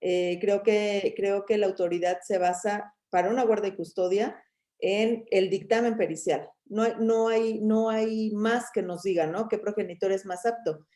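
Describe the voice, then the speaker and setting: A woman with a warm, mellow voice, speaking as a family court official on a video call. She hunts for her words, restarting her phrases again and again. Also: medium pitch, fairly even intonation, moderate pace. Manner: hesitant, searching for words with many restarts. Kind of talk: panel discussion over video call.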